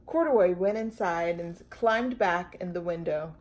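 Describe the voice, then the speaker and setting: A storytime host reads a children's picture book aloud, her narration expressive, with stretched-out words and playful sound effects. Her voice is on the low side.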